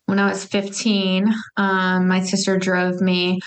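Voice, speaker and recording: In a monotone, medium-pitched voice with a little hiss or hum in the background, a young woman from Huntsville, Alabama tells stories as a guest in a casual interview. Her chatty style includes quick asides and many fillers.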